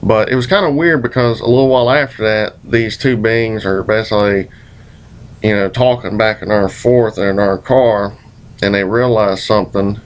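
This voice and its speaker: A man with a lowish voice recounts a dream in a loose, rambling vlog style. He sounds hazy and puzzled as he gropes for words. His phrasing is folksy and colloquial, with some mild swearing. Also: fairly even intonation, normal speed. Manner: folksy, colloquial, mildly profane. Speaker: vlogger.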